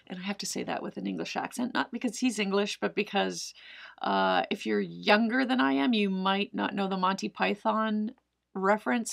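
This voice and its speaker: A middle-aged woman, a cave diver, answering viewer questions in casual to-camera storytelling, animated and full of fillers. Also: mid-range voice, gravelly. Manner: animated, gestures with both hands, frequent fillers. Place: indoors in front of a brick wall.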